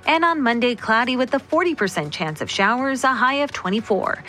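A woman reading a radio weather report, brisk. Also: fairly high pitch, sing-song, sharp tone, faint music behind. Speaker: weather announcer.

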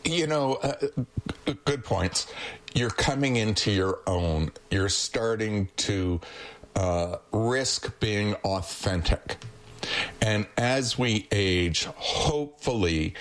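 A man's voice: fairly low pitch, poor audio. A man in his seventies telling stories in a casual chat, laughing often as he goes. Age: 70s. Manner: slow, animated storyteller who laughs often.

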